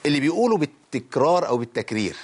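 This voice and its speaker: Fast-talking Egyptian man teaching Quran recitation. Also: fairly high pitch, very animated, husky. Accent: Egyptian Arabic. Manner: asks questions and answers them himself, demonstrates sounds. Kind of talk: lecture on recitation.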